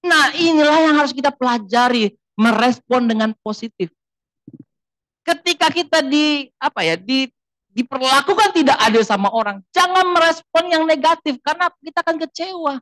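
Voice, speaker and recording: A man's voice: very high voice, lively intonation, normal speed, bright, forceful tone, no echo, poor audio. A man preaches a sermon as a guest pastor. He talks in a loose, conversational way and tells personal stories. He keeps turning to the congregation with rhetorical questions.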